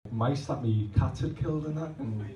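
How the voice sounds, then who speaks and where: At a poetry night in a pub function room, a thirtyish man alternates rhymed, rhythmic spoken-word pieces with loose, self-mocking asides. He speaks at normal speed in a warm, medium-pitched voice, captured in a roomy, distant live recording with faint ambience.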